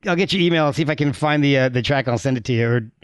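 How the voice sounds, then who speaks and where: A man's voice: medium pitch, very fast, noisy background. A man hosting a casual interview, chatty and often repeating words as he starts a sentence. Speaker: podcast host.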